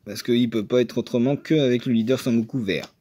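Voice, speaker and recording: A man chatting casually while opening trading card boosters, excitable and full of hesitations. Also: mid-range voice, fairly quick, breathy edge. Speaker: card game video maker.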